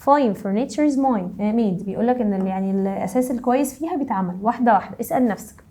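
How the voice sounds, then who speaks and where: Egyptian lady teacher racing through grammar, kinda high, mellow tone, keeps quizzing the kids. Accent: Egyptian Arabic. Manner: brisk, keeps asking rhetorical questions. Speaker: English teacher. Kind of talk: grammar lesson for middle schoolers.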